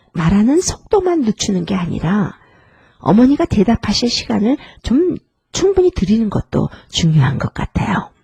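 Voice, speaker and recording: Host read: a gentle middle-aged woman, lively and sing-song in pitch, with a breathy, gravelly tone. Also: no room sound. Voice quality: breathy, husky, with some vocal fry. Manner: gentle, earnest, lets the pitch rise and fall widely. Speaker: literary podcast host. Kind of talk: reflective talk on an essay.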